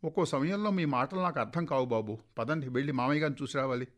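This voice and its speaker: A man voicing a caring young wife who fusses over her husband in soft, coaxing speech, within a radio story reading. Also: mid-range voice, quick pace, natural voice. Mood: fond coaxing.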